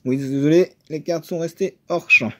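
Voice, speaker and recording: A man chatting casually while opening trading card boosters, excitable and full of hesitations. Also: fairly high pitch, moderate pace. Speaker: card game video maker.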